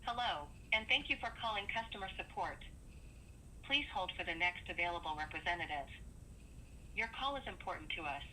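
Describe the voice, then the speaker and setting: A woman's voice: fairly low pitch, lively intonation, a little fast, pushed and bright, a little hiss or hum, low-quality recording. A woman's recorded phone menu message playing over a phone, giving polite, formal customer service prompts. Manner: polite, formal, evenly paced. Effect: recorded phone menu message played over a phone. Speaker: automated customer service line.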